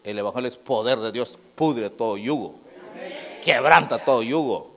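A man, preaching a sermon as pastor, moving from loud proclaiming to low, quiet storytelling and acting out both sides of a conversation. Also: normal speed. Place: church sanctuary.

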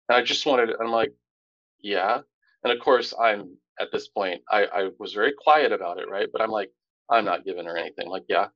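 A man from Tampa co-hosting a podcast, telling a story in an animated, casual way that climbs in pitch when indignant. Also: dry recording, lo-fi sound. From Tampa, Florida. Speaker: podcast co-host.

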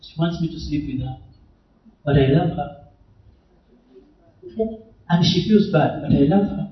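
Guy preaching to a crowd, high voice, lots of laughing, echoey hall, mic kinda far. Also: a little slow, dull audio. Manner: animated, exhorting, laughs often, addresses the crowd directly. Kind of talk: preaching in a retreat Q&A.

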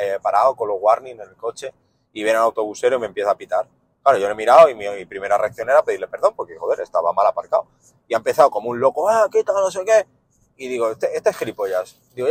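A man's voice: fairly low pitch, breathy edge. A man telling stories in a casual monologue, blunt and profane, acting out the people in them. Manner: blunt, profane, animated storytelling. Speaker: podcast host.

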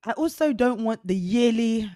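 A woman in her thirties co-hosting a casual faith discussion podcast, chatty and expressive, laughing often. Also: fairly high pitch, normal speed, no echo, studio quality. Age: 30s. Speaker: podcast co-host.

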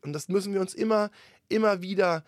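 A man hosts an interview and talks emphatically, repeating key words and pulling points together into a summary. His voice sits on the higher side for a man. The sound is dry and close, with no room around it. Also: fairly quick, no echo. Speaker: podcast host. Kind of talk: conversational podcast interview.

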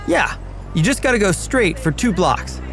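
A man voicing a friendly local who casually points the way, his voice high and lively. Soft music and traffic hum behind him. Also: a little slow, exaggerated voice. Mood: helpful. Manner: relaxed, helpful, casual.

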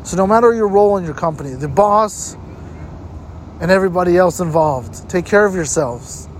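This health-tips host has a distinctly high male voice, lively intonation and an ordinary pace as he delivers a motivational talk to camera. He stresses and repeats his main points, while outdoor noise, including traffic, fills the background.

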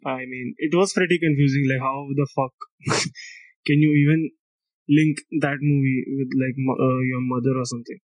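A man's voice: mid-range voice, fairly even intonation, moderate pace, no room sound, rough recording. Young guy from india rambling on his podcast, laughs at himself a lot, dry close mic. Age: young adult. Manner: rambling, self-mocking, laughs often, swears. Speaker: podcast host. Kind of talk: casual solo podcast monologue.

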